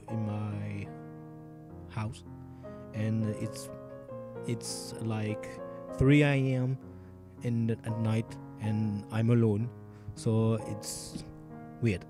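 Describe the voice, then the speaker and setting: Speaking slowly in a steady, lowish voice, a man plays through a game at home at night and comments casually. His talk wanders, includes jokes at his own expense, and is packed with fillers and restarts. Faint background music can be heard.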